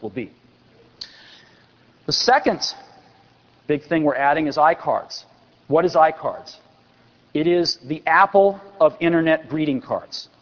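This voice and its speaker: A man in his forties giving an enthusiastic product keynote on a large convention stage, with dry sarcastic asides. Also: on the high side. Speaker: company executive presenting on stage. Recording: dull lo-fi recording with long hall reverb.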